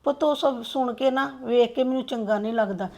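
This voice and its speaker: A woman playing a gentle older mother in a family drama, consoling and pleading softly. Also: a little high, a little fast, natural voice. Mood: gentle, hurt. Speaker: mother-in-law character.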